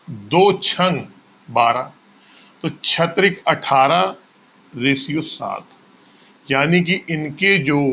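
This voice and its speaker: In this exam-prep maths lesson, a man with a voice on the high side walks through exam problems step by step, asking and answering his own questions and addressing students as bhaiya. The recording has its highs cut off and a little hiss or hum.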